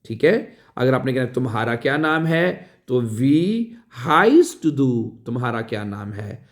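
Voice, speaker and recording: Slow-paced man teaching phrases. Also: mid-range voice, sing-song. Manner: repeats phrases slowly with drawn-out syllables, asks "right?". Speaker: language teacher. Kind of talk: slow language lesson.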